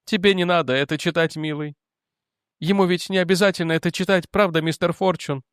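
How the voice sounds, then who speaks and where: A man's voice: sits high, fairly even intonation, a little fast, clean tone, dry recording, clean studio sound, pitched above the performer's own voice, close to an everyday voice. A man reading an audiobook, voicing a frail, guilt-ridden mother who talks in an imploring, tender way.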